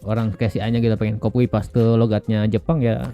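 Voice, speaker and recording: A man's voice: fairly low pitch, little pitch movement, brisk, dull audio, soft background music. A man co-hosting a casual podcast, mostly agreeing in short replies. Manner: agreeable, brief backchannels. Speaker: podcast co-host.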